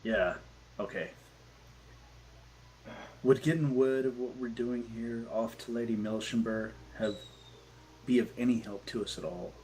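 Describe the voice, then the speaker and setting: A man's voice: medium pitch, a little slow, long pauses, darkish tone, slight background noise, rough recording. A man playing in a tabletop game, asking careful questions and cracking dry jokes. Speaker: player. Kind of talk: casual banter at a game table.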